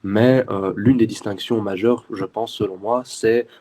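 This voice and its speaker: A man's voice: on the low side, fairly even intonation, measured pace, crowd noise. A 21-year-old man with a Belgian French accent, answering interview questions earnestly as a guest, with many fillers and restarts. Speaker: guest, youth party section president.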